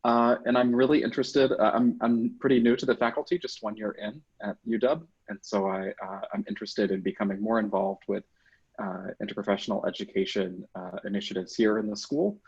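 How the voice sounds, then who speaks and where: A man's voice: on the low side, little pitch movement, a little fast, a little mellow, slightly rough. A man who is a clinical psychologist, introducing himself earnestly on a video call with many fillers, over dull, muffled audio.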